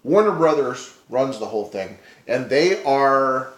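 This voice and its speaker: Man, easygoing, hesitant, medium pitch, echoey room. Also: lively intonation, a little slow. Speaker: podcast co-host. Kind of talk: casual chat.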